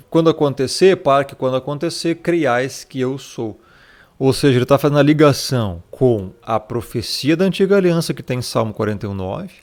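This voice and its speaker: In a relaxed Bible study shown over a shared screen, a man works through scripture point by point in a raspy, ordinary mid-pitched voice. He stays conversational, often adding small tag questions and calling the listener brother.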